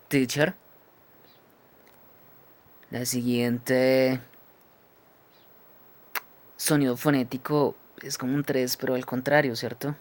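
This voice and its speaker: Guy teaching phonetics, real slow and patient, asks "¿sí?" a lot, mid voice. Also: mid-range voice. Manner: slow, explains each symbol, checks with "¿sí?" and "¿cierto?". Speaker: English teacher. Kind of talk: phonetics lesson.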